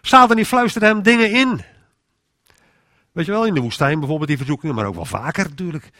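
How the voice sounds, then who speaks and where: A man's voice: a little high, lively intonation, fast talker, bright, forceful tone, dry recording, clean studio sound. A man giving an informal sermon in a conversational way, often restarting his sentences and acting out inner voices. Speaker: preacher.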